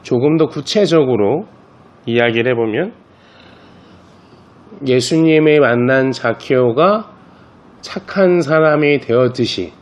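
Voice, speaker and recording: Priest telling children a story. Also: male voice, medium pitch. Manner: relaxed storytelling, talks directly to the children. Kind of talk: catechism class for children.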